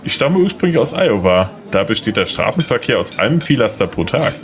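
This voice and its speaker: With a mid-range, sing-song voice at a slightly fast pace, a man plays a young lawyer in a German audio drama. The character is polite, a touch unsure, and charming, and the mood stays friendly and charming throughout.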